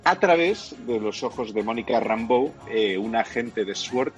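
An animated man with a mid-range voice and a Castilian Spanish accent talks at normal speed, reviewing television and film in a conversational radio segment with explanatory, opinionated remarks. The audio is dull, with soft music in the background.

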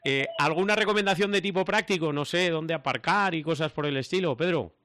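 A man with a slightly raised voice hosts a regional radio program, running through the event schedule and putting quick, friendly questions to his guest. The sound is dry and close. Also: on the high side, fairly bright tone, no echo. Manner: friendly, brisk questions and short acknowledgements. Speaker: radio host. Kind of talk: regional radio interview and presenting.

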